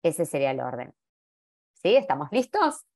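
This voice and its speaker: A woman's voice: low-pitched, big pitch swings, normal speed, darkish tone. A woman with a Rioplatense accent informally moderates an online academic panel. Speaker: session moderator. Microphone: video call.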